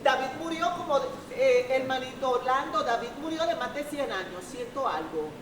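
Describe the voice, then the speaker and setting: A woman teaching a Bible class, speaking earnestly to her students and quoting verses slowly. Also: high voice, expressive. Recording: echoey room from far off, noisy.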